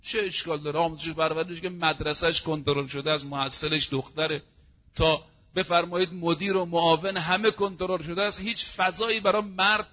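High-voiced man preaching a sermon. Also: fairly even intonation, dull audio. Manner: emphatic, rhetorical, lists examples in rapid runs.

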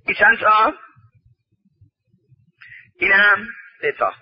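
A male preacher with a high voice delivers a sermon, drawing out religious quotations in a slow chant before turning to animated stories in which he acts out each side of the dialogue. The recording is dull and lo-fi, like an old broadcast. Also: husky. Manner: drawn-out chanting of Arabic quotations; animated storyteller acting out dialogue. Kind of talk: sermon with anecdotes.

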